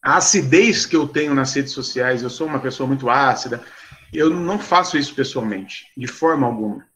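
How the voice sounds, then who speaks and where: A man, a pastor telling a story to a live online audience in an animated, sarcastic way. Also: mid-range voice, moderate pace.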